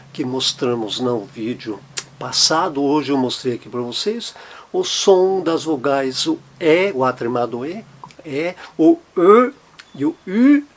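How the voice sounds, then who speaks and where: Male teacher, mid-pitched, very slow, repeats every example word carefully. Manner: drawn-out, repeating each example word slowly. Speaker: German teacher. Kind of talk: slow explanatory lesson.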